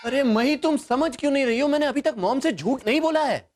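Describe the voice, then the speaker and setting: An actor playing Sagar, a sheepish young husband in a TV serial. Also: male voice, very high-pitched, fairly quick, music in the background. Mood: eager. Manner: sheepish, excited about football. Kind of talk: TV serial acting.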